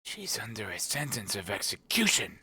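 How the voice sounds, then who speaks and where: A man voicing a timid, anxious storybook rabbit who speaks in a nervous, hushed, hurried way. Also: medium pitch, wildly swooping pitch, creaky, no room sound, voice pushed up, exaggerated voice.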